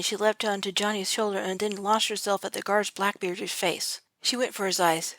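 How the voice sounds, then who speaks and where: A woman's voice: mid-range voice, fairly bright tone, no echo. A woman reading her own adventure story aloud, with frequent slips and restarts. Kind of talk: amateur audiobook narration.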